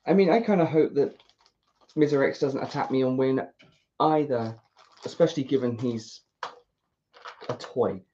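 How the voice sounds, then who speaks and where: A woman's voice: a bass voice, normal speed, long pauses, dark tone. A British woman chatting casually to herself in a self-deprecating ramble as she builds a model kit. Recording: dull lo-fi recording.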